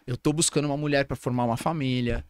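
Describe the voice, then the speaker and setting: A man's voice: mid-range voice, steady tone, fast talker, smooth, dry recording. A man with a Brazilian accent, hosting a podcast and giving earnest, informal advice. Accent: Brazilian Portuguese. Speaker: podcast host. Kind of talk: casual podcast conversation. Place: podcast studio.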